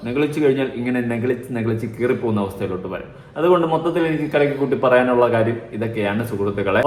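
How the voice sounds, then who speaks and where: A man giving mocking, sarcastic commentary in a vlog. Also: medium pitch. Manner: sarcastic, mocking, mimics crying voices. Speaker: vlogger. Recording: echoey room.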